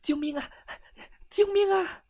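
A man voicing a small terrified rabbit in a children's bedtime story, crying out in shrill panic. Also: measured pace, darkish tone, no echo, clean studio sound. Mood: panicked.

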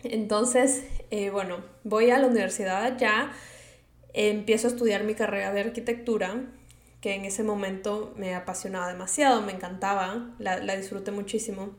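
A woman's voice: mid-range voice, fairly even intonation, moderate pace. A woman in her twenties from Ecuador with an Ecuadorian Spanish accent, hosting a casual personal podcast monologue, chatty and rambling, slipping in English words. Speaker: podcast host. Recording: echoey room.

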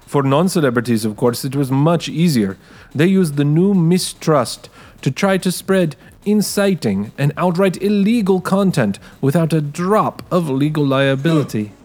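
Over soft background music, a man with a slightly high, somewhat mellow voice narrates first-person audio fiction at an unhurried pace with lively intonation. He performs in character as a wary, streetwise ex-con living in a tech dystopia.

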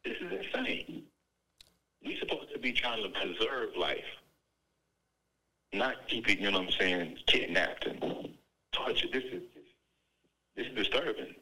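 Impassioned deep-voiced man on a prison phone. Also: expressive, a little slow, long pauses, pushed and bright, breathy edge, poor audio. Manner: fervent, repeats "you know what I'm saying". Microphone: prison phone line.

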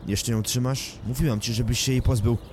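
A man's voice: medium pitch, fairly even intonation, fairly quick, noisy background, pitched above the performer's own voice, natural voice. A man voicing a worried young wife in an audiobook, insistent and reproachful toward her husband.

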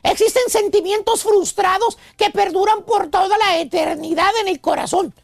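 A man doing a squeaky, gravelly old love professor. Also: steady tone, normal speed. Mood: preachy. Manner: preachy, lecturing, theatrical. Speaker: comic radio host. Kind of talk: radio comedy sketch.

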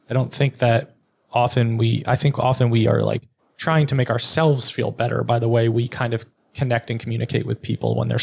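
Here a middle-aged male therapist and entrepreneur, guesting on a podcast, is frank and blunt in conversational interview talk and swears from time to time. His voice is mid-range and creaky.

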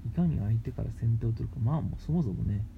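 A man talking casually as a radio host, explaining things in halting, phrase-by-phrase steps. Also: medium pitch, expressive, gravelly. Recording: muffled lo-fi with faint background noise.

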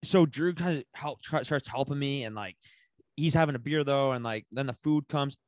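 A man's voice: mid-range voice, normal speed, dry recording. Rambling man telling a bar story. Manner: rambling, animated storyteller with slang and swearing. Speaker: podcast co-host. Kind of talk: casual storytelling chat.

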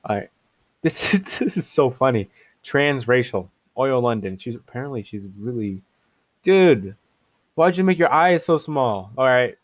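A young man giving casual reaction commentary, excitable and mocking, often laughing and jumping up in pitch in disbelief. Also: unhurried, dry recording. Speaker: online commentator.

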